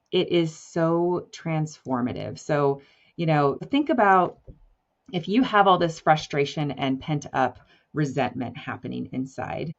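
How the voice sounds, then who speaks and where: A woman's voice: deep voice, creaky, highs cut off. A woman who coaches teens and parents, speaking to parents in an earnest, encouraging way and often checking in with "right?" and "you know".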